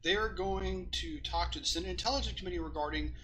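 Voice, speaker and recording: A man's voice: sits high, fast talker, fairly bright tone, slight background noise, low-quality recording. A man giving cynical, sarcastic news commentary, swearing often and stumbling as he reads headlines aloud. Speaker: political commentary vlogger.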